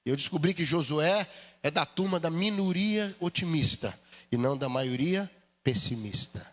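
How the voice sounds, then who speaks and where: A high-pitched man with a Brazilian accent preaches a lively, humorous sermon, slipping into little voiced dialogues. His voice rings with long reverb in a church sanctuary. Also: normal speed. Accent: Brazilian Portuguese. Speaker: pastor.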